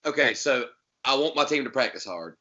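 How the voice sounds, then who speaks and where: A man's voice: mid-range voice, a little fast. A man, co-hosting a podcast in casual, joking chat. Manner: joking, animated, does mock accents. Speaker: podcast co-host. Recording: dull lo-fi audio.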